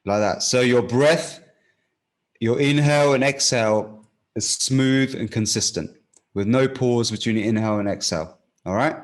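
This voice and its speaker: Man, breathwork teacher, calm step-by-step guidance, mid pitch. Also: normal speed. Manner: calm, instructive, checks in with "okay?". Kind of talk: guided breathing instruction.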